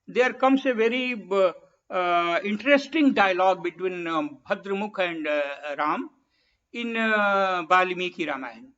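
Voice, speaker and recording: A high-pitched man gives a public lecture at an unhurried, measured pace. He halts often, pausing and restarting his sentences. The sound is dull and lo-fi. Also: bright, forceful tone. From India. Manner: halting, many pauses and restarts. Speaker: guest speaker.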